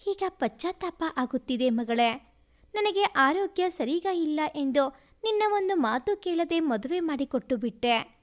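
A woman voicing a worried middle-aged father who pleads gently with his daughter. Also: high-pitched, animated, a little slow. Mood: regretful.

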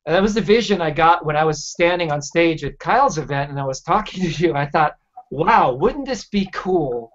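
A man's voice: a little high, fast, few pauses. A man hosting a casual video-call conversation, telling stories in a rambling, enthusiastic way. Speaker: host. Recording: dull lo-fi video-call audio.

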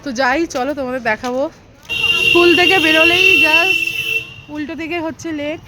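A woman's voice: sits high, moderate pace, very noisy. A woman in her thirties from West Bengal, vlogging casually as she walks outdoors with friends by a lake, filming on a handheld phone. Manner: chatty, narrating the outing as she walks. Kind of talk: casual vlog narration.

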